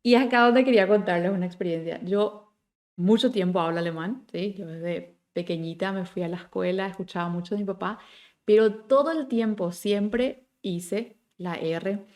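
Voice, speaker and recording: A middle-aged woman with a Paraguayan Spanish accent teaches German pronunciation in an online lesson. She carefully models each German example word and repeats it slowly. She keeps checking in with short tag questions, keeping the pace chatty and friendly. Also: mid-range voice, darkish tone. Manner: checks in constantly with "¿ya?" and "¿ok?".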